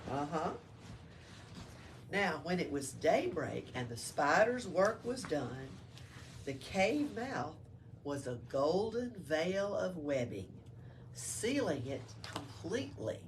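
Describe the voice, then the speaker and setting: A woman with a low voice and big pitch swings reads a story slowly to children as a library storyteller, explaining it in simple words. She is far from the mic in a library room, with faint background noise.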